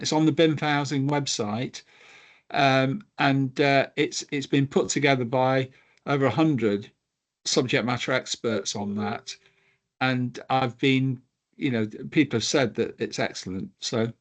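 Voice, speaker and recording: Man advising on a video call, mid pitch. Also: steady tone, unhurried. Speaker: working group participant. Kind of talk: informal meeting discussion.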